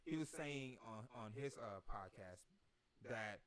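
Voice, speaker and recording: A man's voice: mid-range voice, lively intonation, smooth. Rambling man in casual podcast chat. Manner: fast, rambling, many restarts. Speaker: podcast host.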